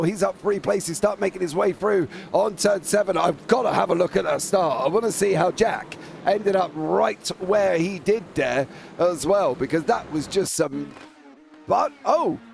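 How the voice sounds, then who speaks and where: A man commentating live on a motorsport race as the main caller, in an excitable, informal, chatty manner. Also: sits high, vocal fry, slight background noise.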